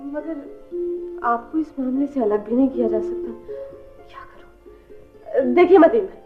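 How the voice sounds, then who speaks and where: Sharp-tongued young woman, dull old tv audio, faint music behind. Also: high-pitched, slow pace. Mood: teasing. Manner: teasing, bossy.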